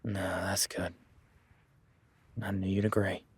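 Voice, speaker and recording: Playing a rugged rancher, a man takes his time, his lowish voice husky and breathy with little pitch movement and a heavily acted quality. He's wry and laid-back as he teases a new hand in a first-person audio roleplay, speaking softly to his horse too. The sound is dry and close, with no room around it.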